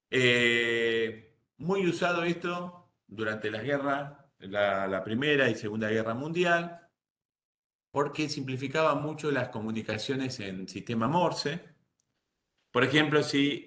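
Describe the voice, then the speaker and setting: A man's voice: medium pitch, a bit bright. A middle-aged man lecturing a boating class, explaining patiently and often checking in with his listeners. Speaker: nautical course instructor. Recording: roomy echo.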